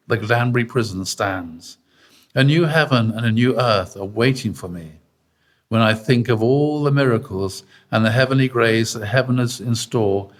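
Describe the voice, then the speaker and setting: A man's voice: medium pitch, natural voice. Man reading as a fervent preacher. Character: fervent male religious leader rallying followers.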